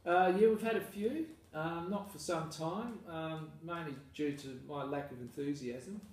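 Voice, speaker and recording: A man's voice: a little high, unhurried. Australian man, farmer, easygoing and rambling, recorded from a distance, very echoey room, faint hiss. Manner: relaxed, rambling, self-deprecating. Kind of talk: casual interview. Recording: echoey room, mic far off, faint noise.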